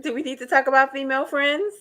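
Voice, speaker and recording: A woman's voice: sits high, fairly even intonation, quick pace, sharp tone. A woman hosting a casual podcast chat who laughs easily and puts questions to her guests. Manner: chatty and laughing, asks the group questions. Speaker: podcast host.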